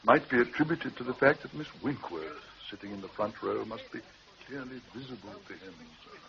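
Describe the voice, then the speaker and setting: An unflappable valet. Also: male voice, mid-range voice, lively intonation, gravelly. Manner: formal, measured and unflappable. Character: calm, deferential gentleman's manservant. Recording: dull old radio recording.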